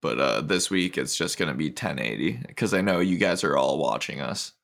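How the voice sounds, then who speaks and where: A very deep-voiced man co-hosting a casual podcast. His voice is gravelly, and he delivers low-key, dry, teasing remarks. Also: lively intonation, normal speed, fairly bright tone. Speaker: podcast co-host. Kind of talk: casual chat.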